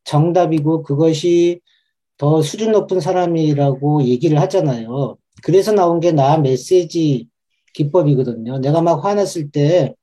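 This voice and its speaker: A man speaking as a parenting expert to a live audience of mothers, explaining in a lively way and acting out inner voices. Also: fairly high pitch, measured pace. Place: talk event with live audience.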